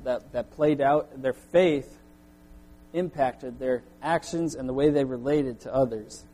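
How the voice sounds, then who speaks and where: A man preaching a sermon in earnest, his voice climbing loud when he echoes the crowd's cries. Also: medium pitch, a little hiss or hum. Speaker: pastor.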